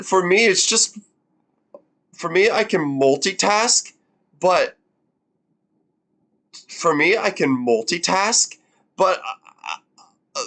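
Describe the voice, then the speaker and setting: On a live stream, a twenty-something man rambles through casual reactions, dropping plenty of fillers and a swear word now and then. He sits high in pitch and sounds sharp.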